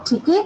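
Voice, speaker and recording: A woman's voice: sits high, dark tone, lo-fi sound, a little hiss or hum. A woman kindergarten teacher giving an online class, drawing out each syllable patiently for small children.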